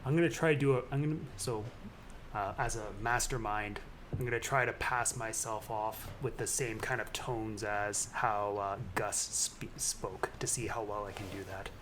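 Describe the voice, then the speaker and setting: A man's voice: fairly low pitch, fairly even intonation, moderate pace, fairly bright tone, a little hiss or hum. Chatty man playing a tabletop game. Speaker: player. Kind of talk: casual game talk.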